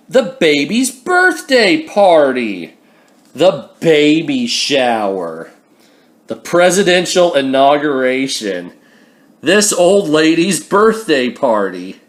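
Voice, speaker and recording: A man reading a humorous picture book aloud, slowly and deliberately, with wry little asides. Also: on the high side, very animated. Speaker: book reader.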